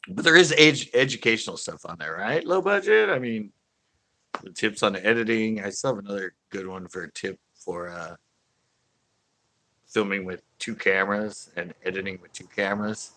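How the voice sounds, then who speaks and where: On a live stream for his fishing channel, a deep-voiced man talks casually at a moderate pace in a bright, forceful tone. He rambles, laughs often, and circles back with fillers and restarts, and the close, dry audio has no room sound.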